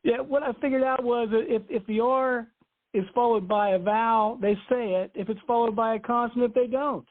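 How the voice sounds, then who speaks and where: High-pitched guy from ohio as a radio guest, excited and casual, phone-line sound. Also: normal speed. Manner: enthusiastic, casual, laughs often. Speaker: author and guest. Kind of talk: casual radio interview chat. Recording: tinny phone-line audio.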